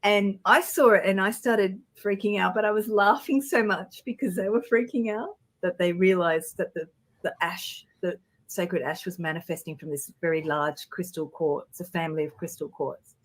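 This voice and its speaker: A woman's voice: lowish voice, normal speed. A woman guest on a spiritual livestream, talking earnestly and telling stories with animation. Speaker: guest intuitive. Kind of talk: casual spiritual chat.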